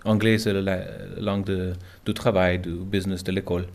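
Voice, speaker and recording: A man from Gibraltar, a native English speaker, answering interview questions in halting French with a Spanish-tinged accent, often stopping to search for words. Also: deep voice, flat delivery, a little mellow. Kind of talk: interview answers in a second language. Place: at home.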